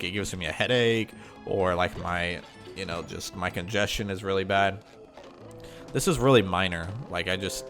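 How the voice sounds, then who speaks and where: His voice sits low with a bit of brightness, a little nasal from mild sinus congestion. The gaming host chats loosely through a game walkthrough, often stopping to um or fix what he just said.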